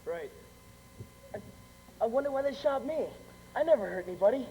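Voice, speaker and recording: A man's voice: very high-pitched, animated, brisk, mellow. A school stage actor playing Uncle Mel, a brash showman who gets shot and whines melodramatically about dying. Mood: whimpering. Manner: brash, then whiny and melodramatic. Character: wounded middle-aged male showman, Uncle Mel. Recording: echoey auditorium, faint hum.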